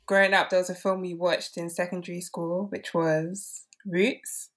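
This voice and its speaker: A woman from England, appearing as a podcast guest, tells stories casually in a lowish voice with flat delivery at a moderate pace. Her chatty, conversational storytelling is peppered with "like."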